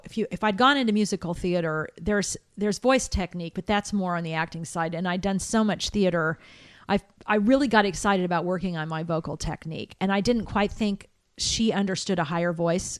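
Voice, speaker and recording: A middle-aged American soprano, appearing as an interview guest, looks back on her years of music training in a relaxed conversation. Her voice is a little low for a woman and sounds dry and close in a brisk, dry recording. She speaks reflectively, with plenty of restarts and fillers.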